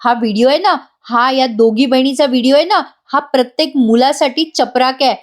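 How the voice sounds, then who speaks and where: A woman's voice: high-pitched, moderate pace, lightly acted. A woman voicing a firm, outspoken middle-aged mother from a TV serial. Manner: firm, blunt.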